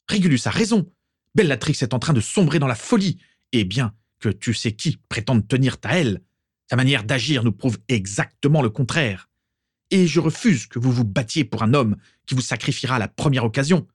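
A man's voice: mid-range voice, a little mellow, breathy edge, dry recording, studio quality, voice pushed up. A man voicing a stern, commanding pure-blood mother in a storybook reading, giving orders with cold authority. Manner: imperious, ordering.

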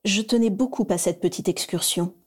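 Woman reading as a warm, coaxing mother. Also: mid-range voice, normal speed, breathy edge, close to an everyday voice. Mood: cheerful coaxing. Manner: gentle, affectionate, coaxing.

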